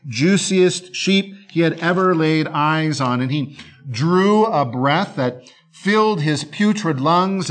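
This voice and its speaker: A man narrating a dark fable with drawn-out dramatic pauses. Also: a little high. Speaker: storyteller.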